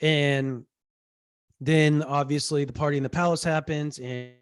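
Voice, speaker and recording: A man with a sinus infection, congested and talking through a cough drop, chatting excitably as a sports podcast co-host. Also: fairly high pitch, a little slow. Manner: rambling, excitable, many fillers. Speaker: co-host, recruiting reporter. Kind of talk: casual sports podcast chat.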